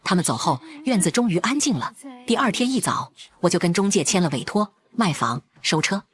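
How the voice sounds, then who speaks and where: A woman's voice: fairly low pitch, big pitch swings, fairly quick. A woman narrating a first-person drama in a cold, blunt and firm way.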